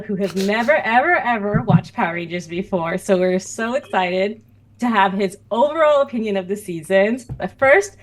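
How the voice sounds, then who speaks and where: A woman co-hosting a casual fan podcast, her pitch sitting in a middle register. She talks in an animated, chatty way that bubbles with amusement. It is relaxed conversation among friends. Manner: animated, chatty, quick to laugh. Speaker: podcast co-host.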